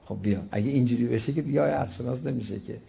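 A man preaching a sermon, telling stories and shifting between loud exclamations and quiet asides. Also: medium pitch, gravelly, muffled recording. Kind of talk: religious sermon with storytelling.

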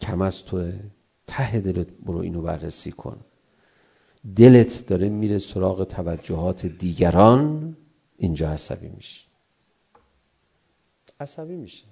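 A middle-aged male cleric preaching with a gravelly, fry-laden voice. His tone is dark and mellow. He talks in animated swings, leaping high for emphasis and dropping back to a low murmur. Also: pauses often. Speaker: cleric giving a religious talk. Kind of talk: sermon on family and anger.

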